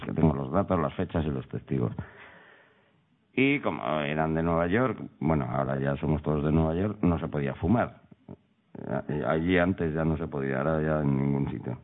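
A man from Madrid tells a long, digressive anecdote as a radio guest, full of wry humor and animated asides. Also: rumbling low. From Madrid, Spain. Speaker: guest writer. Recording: tinny phone-like line.

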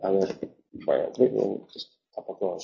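A man's voice: low-pitched, slow pace, vocal fry, mellow. A man teaching a class, explaining things step by step with many fillers and check-ins, and correcting himself as he goes. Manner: self-correcting. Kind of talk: classroom lecture on Spanish grammar. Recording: dull lo-fi classroom recording.

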